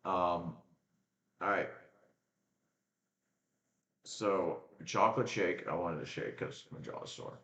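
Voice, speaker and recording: A man's voice: low voice, takes it slowly, long pauses, fairly bright tone, reverberant. A man chatting casually and calling a car race live on a home watch-along stream, rambling between race updates. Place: at home in front of a webcam. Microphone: webcam and desk mic.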